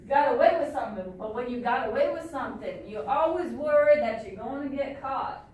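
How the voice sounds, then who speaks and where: A woman leading a group discussion as a trainee facilitator, asking questions in a halting way and repeating herself. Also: sits high, expressive, a little mellow, dull audio. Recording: echoey room, far from mic, faint noise.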